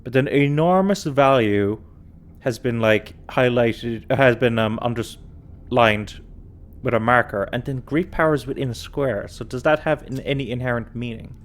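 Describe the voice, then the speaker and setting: A man's voice: mid-range voice, moderate pace. A tired man streaming a puzzle game, talking casually and thinking aloud as he works through it. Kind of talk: casual let's-play commentary.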